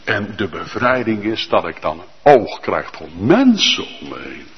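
A male pastor preaching a sermon with fervent emphasis and drawn-out, emphatic lists. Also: fairly low pitch, big pitch swings, in a large hall, highs cut off.

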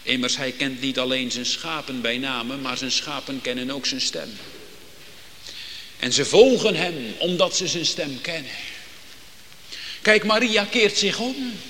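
A male preacher delivers a sermon at a deliberate, unhurried pace, his voice bright and ringing. He speaks solemnly and builds phrases into swelling, emphatic climaxes. The sound carries a long church reverb. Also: mid-range voice. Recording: long reverb in a church hall, faint background noise.

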